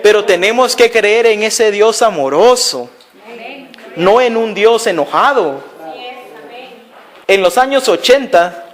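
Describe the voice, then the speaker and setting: A man preaching a sermon, telling a story and asking his listeners rhetorical questions again and again. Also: high-pitched. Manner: acts out voices of people in the story.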